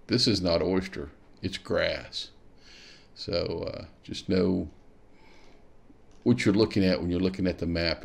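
Deep and gravelly, this man's voice leads a kayak fishing screen-share walkthrough of a map, where he thinks out loud and drops hmms while clicking.

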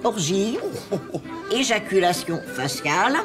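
A woman's voice: mid-range voice, expressive, slow pace, over music. A woman playing a crude old grandmother in a wheelchair in a comedy sketch. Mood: deadpan.

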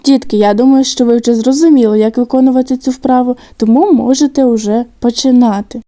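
A woman teaching a recorded lesson to second graders, with slow, clear diction and words drawn out syllable by syllable. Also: on the high side, steady tone, dark tone. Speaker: primary school teacher.

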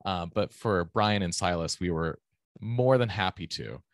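A man, a type designer, presenting his work in a casual conference talk and explaining ideas in a relaxed way, with frequent ums and uhs. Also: deep voice, unhurried, dry recording, clean studio sound. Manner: relaxed, explanatory, many fillers.

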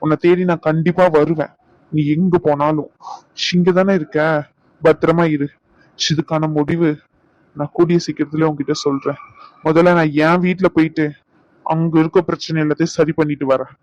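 A man voicing a young husband in a cartoon, speaking softly and reassuringly. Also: a little high, level tone, normal speed, pauses often, dry recording, lo-fi sound, close to an everyday voice. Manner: soft, reassuring. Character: young husband, gentle and remorseful.

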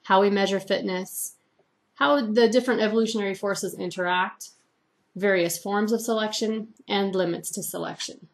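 A woman's voice: mid-range voice, steady tone, normal speed. A woman teacher giving a recorded lecture, reading largely from her own typed notes in an explanatory way.

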